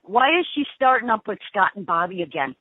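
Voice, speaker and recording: A woman's voice: mid-range voice, expressive, a little fast, breathy edge, no room sound. A woman taking a call on a prison phone line, talking bluntly and angrily and swearing often. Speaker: inmate's sister on a call.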